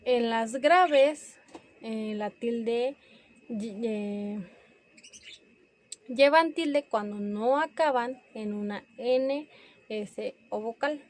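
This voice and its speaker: A young woman works through a class review at an unhurried, deliberate pace. Her voice sits a little high, and she often stops to hesitate and correct herself mid-sentence. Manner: hesitant, self-correcting, slow and careful.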